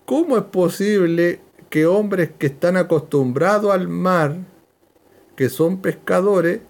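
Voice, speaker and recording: A man teaching a verse-by-verse Bible lesson, slow and emphatic, repeating key phrases. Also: high-pitched, vocal fry, a little mellow.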